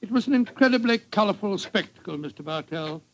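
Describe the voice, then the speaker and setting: High-voiced, blustery English Doctor Watson. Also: male voice, lively intonation, a little fast. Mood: genial, nostalgic. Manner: avuncular, fussy. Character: genial, blustery older English doctor reminiscing. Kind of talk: 1940s radio acting, storytelling. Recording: muffled old 1940s radio recording.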